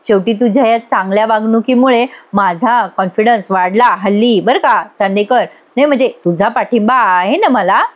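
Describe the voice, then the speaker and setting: A woman's voice: a little high, moderate pace, hardly any pauses, close to an everyday voice. A woman voicing a sly young wife who teases her husband in a sweetly mocking way.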